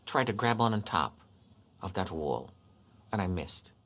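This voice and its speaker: Emotional man recounting, voice often sinking quiet. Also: deep voice, lively intonation, measured pace. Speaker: interviewee, survivor. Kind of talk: recalled interview testimony.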